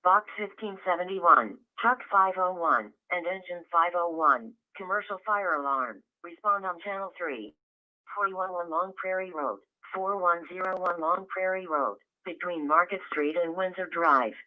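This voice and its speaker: A woman's voice: lowish voice, normal speed. Tinny female fire dispatch radio voice. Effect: radio transmission. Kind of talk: emergency radio dispatch announcement. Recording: tinny narrow-band scanner radio.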